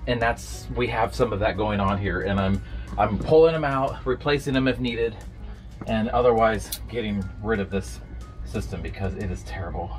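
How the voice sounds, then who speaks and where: A man's voice: on the low side, moderate pace, over music. A man in his thirties vlogging aboard a catamaran, chatting to viewers while he works on a project. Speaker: boat owner vlogger. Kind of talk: casual vlog talk. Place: aboard a catamaran, partly in a small cabin.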